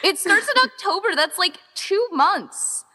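Here the same podcast guest, an event organizer, sounds very high-pitched, expressive and bright, with a forceful tone and a measured pace. She stays casual, gushing and emphatic, full of filler "like," and the audio carries a long echo.

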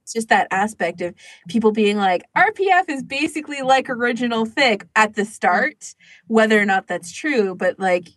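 In casual banter among fan podcasters, a co-host speaks at normal speed in a fairly high, slightly bright voice with lively intonation. She uses "like" constantly as filler. The recording has no echo.

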